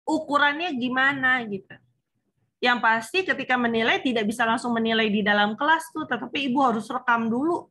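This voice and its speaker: A woman's voice: a little high, a little fast, bright, forceful tone. A woman supervisor advising a student on her thesis plan, explaining patiently with frequent fillers. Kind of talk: online thesis consultation.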